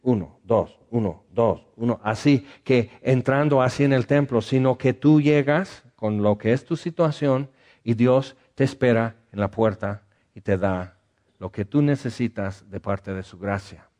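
A man, a pastor, preaching and leading a congregation in prayer, calm and measured, often dropping to a soft voice. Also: medium pitch.

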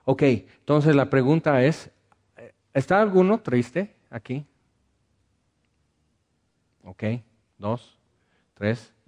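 Calm and measured, a male pastor with a medium-pitched voice delivers a sermon and guides his congregation through prayer. He frequently lowers his voice to something soft.

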